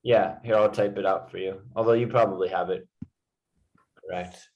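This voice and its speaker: A man's voice: deep voice, steady tone, moderate pace, muffled recording. A man tutoring English one to one, explaining informally with everyday examples. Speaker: English teacher.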